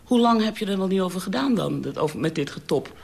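A woman's voice: on the low side, expressive, fast talker, creaky, darkish tone. A woman with a Dutch accent interviewing a guest in an archival radio programme, asking hesitant questions.

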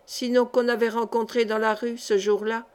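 A woman reading a historical novel aloud as an audiobook narrator, steady and expressive. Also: on the high side, normal speed. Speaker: audiobook reader. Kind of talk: scripted narration.

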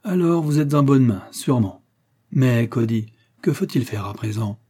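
A man's voice: medium pitch, animated, normal speed, mellow, lightly acted. A man voicing a grateful, commanding army major in a storybook reading, speaking formally and courteously.

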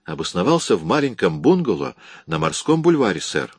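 A man's voice: fairly low pitch, very animated, fairly quick, slightly rough, no echo, studio quality. A man reading a deferential detective reporting. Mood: dutiful. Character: nervous, deferential male private detective. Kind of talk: audiobook reading.

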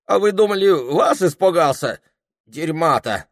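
A man voicing a frightened male peasant who talks in a high, jittery, fawning way. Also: expressive, a little slow, no room sound, studio quality. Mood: nervous.

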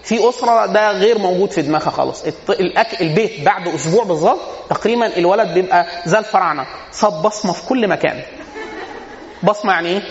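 A man's voice: high voice, racing, a little hiss or hum. A man with an Egyptian accent giving an informal religious lesson, telling humorous anecdotes and posing rhetorical questions that he answers himself. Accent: Egyptian Arabic. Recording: echoey hall, dull lo-fi sound.

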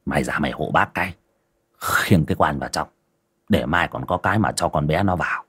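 Dude doing a pushy village coffin guy, deep and blunt, kinda sly. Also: fairly quick, fairly bright tone, slightly rough, full character voice. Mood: gruff coaxing. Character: coarse, wheedling village coffin-maker, middle-aged man.

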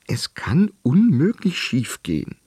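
A man's voice: mid-range voice, huge pitch swings, takes it slowly, warm tone, no room sound, clean studio sound, voice pushed up, full character voice. A man voicing a nervous, fussy old wizard who soothes and explains. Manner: anxious, reassuring, explanatory.

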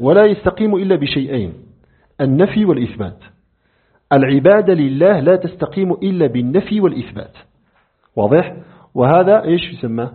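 A man's voice: on the high side, slightly rough. A man teaching a classroom lesson on religious creed, who often quizzes his students by name and repeats key points for emphasis. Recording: thin phone-like lo-fi recording.

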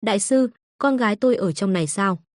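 A woman's voice: medium pitch, expressive, fairly quick, no echo, close to an everyday voice. Woman reading as a scared middle-aged dad, anxious, pleading, dry storybook sound. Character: frightened, grieving middle-aged father.

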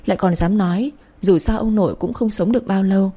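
Brief: woman storyteller, warm and mellow, steady dramatic narration. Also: mid-range voice, fairly quick.

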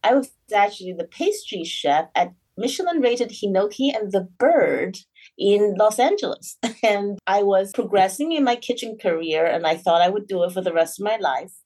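Bright, slightly husky woman chatting about science. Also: mid-range voice, expressive, normal speed. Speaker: new co-host, reporter and clean energy advocate. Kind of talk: casual science talk show chat.

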